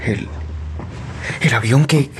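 An actor playing a nervous, lovestruck man in a melodramatic radio drama, speaking haltingly. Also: medium pitch, a little hiss or hum, natural voice. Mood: shaken, hesitant. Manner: halting, hesitant delivery. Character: nervous lovestruck man, hesitant bearer of bad news.

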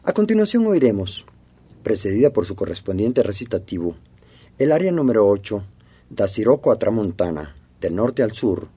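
A man announcing classical music in a scripted introduction, with a husky voice. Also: fairly low pitch, very animated, normal speed, dark tone. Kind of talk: scripted introduction to an opera aria.

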